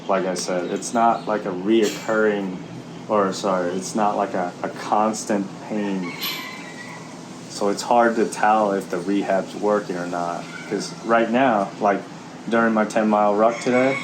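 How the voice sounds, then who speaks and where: A man talking candidly and haltingly in a casual, reflective vlog while out walking. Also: on the low side, steady tone, noisy background. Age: middle-aged. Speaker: vlogger, military serviceman and former Marine. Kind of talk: casual walk-and-talk vlog.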